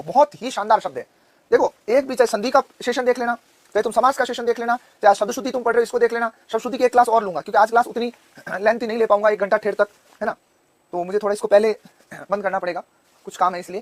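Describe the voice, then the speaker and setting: With a Rajasthani Hindi accent and a voice that sits high, this man in his thirties runs an online Hindi exam-prep class, and there's no echo. He fires quick questions at his students, loudly and insistently.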